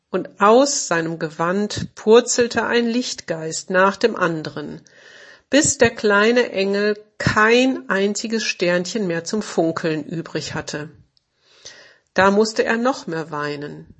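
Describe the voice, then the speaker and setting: A woman narrating a children's story in a gentle, measured storybook reading. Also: mid-range voice.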